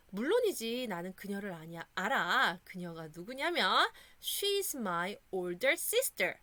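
A Korean woman teaches English sight words to children in an encouraging classroom manner. Her bright voice swings widely in pitch, and she paces herself slowly so the kids can echo each word. The recording is dry and close.

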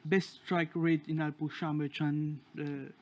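A man co-hosting a horse racing show reads out the award winners at a measured pace, hesitating often and filling gaps with fillers as he works through the list. His voice sits a little high and barely moves in pitch.

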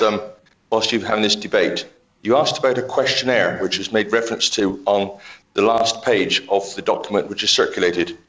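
A man's voice: on the low side, fairly bright tone, rough recording. A man at a council meeting explaining a questionnaire hesitantly, with lots of fillers. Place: council chamber.

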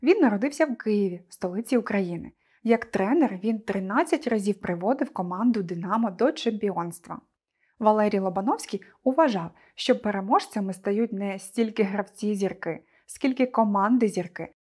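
A woman teacher presenting a scripted online lesson, speaking clearly and deliberately to her pupils. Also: medium pitch, animated, mellow.

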